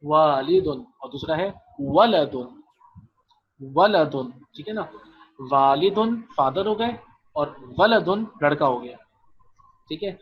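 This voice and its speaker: A man's voice: fairly high pitch, animated, slightly rough, muffled recording. A male Arabic teacher giving an online class. He repeats phrases patiently and calls on students by name.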